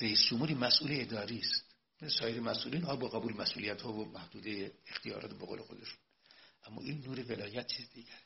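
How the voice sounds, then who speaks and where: Gravelly man giving a religious lecture. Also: mid-range voice. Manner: swings from soft storytelling to loud emphatic preaching. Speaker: cleric lecturer. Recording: dull lo-fi recording.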